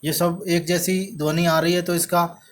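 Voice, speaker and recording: A male teacher with an Indian accent explaining an English textbook lesson in Hindi and English, slowly spelling out words and repeating himself. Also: high voice, flat delivery. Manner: slow, spells words letter by letter; repeats "ठीक है" after each point.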